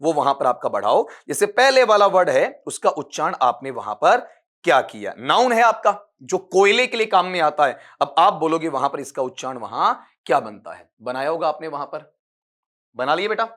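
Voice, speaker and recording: A man's voice: a little high, big pitch swings, fairly bright tone. Man teaching an English exam lesson. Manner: coaching students, calls them beta, spells out sounds slowly. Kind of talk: exam paper solution lesson.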